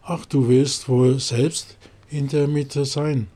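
A man's voice: mid-range voice, little pitch movement, takes it slowly, warm tone. A man voicing a scornful, know-it-all donkey in a storybook nativity crib, mocking and sneering.

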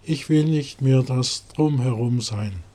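A man's voice: medium pitch, slow, mellow. A man voicing a grumbling, stubborn crib sheep. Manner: complaining, defiant.

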